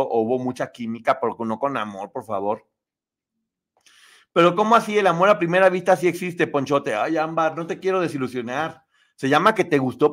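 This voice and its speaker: A man hosting a casual commentary stream, sarcastically mocking reality-show contestants and answering chat messages. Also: mid-range voice. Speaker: host reading live chat.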